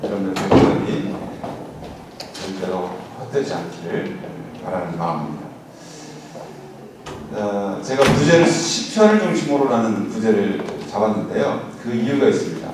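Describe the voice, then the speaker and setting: A man's voice: lowish voice, very animated, normal speed. Man lecturing in an echoey church hall. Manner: conversational, with frequent fillers, and leads the audience in repeating words. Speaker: seminary professor lecturing at a church academy. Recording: echoey hall, voice from far off, clear room noise.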